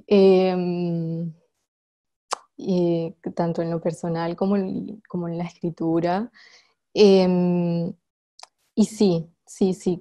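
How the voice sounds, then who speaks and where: A woman answers reflectively in an interview as a poet, haltingly, often repeating words as she searches for the next one. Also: on the low side, mellow. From Colombian Caribbean coast.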